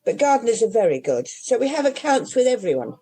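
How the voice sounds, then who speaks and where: Talking fast in a sing-song way, this older English independent bookshop owner gives a casual interview, wandering off into asides and restarting her thoughts. Her pitch is fairly high, and her tone is dark and a little rough.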